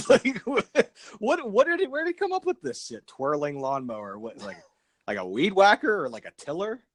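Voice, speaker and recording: A man's voice: on the high side, wildly swooping pitch, moderate pace, dry recording. A man guesting on a podcast, chatting casually, sharing movie trivia and laughing often.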